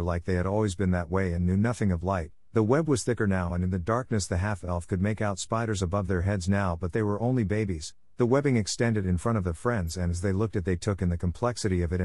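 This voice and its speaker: A man giving steady, scripted narration of a fantasy adventure story. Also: low voice, quick pace, hardly any pauses.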